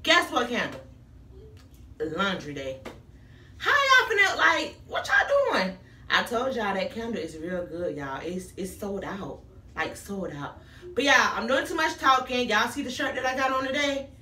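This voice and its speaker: Raspy, animated young American woman vlogger. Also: mid-range voice, moderate pace, recorded from a distance. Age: young adult. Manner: emphatic, repeats phrases for effect. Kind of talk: casual animated vlog chat to viewers. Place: small tiled bathroom. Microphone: camera a few feet away. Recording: echoey room, away from mic.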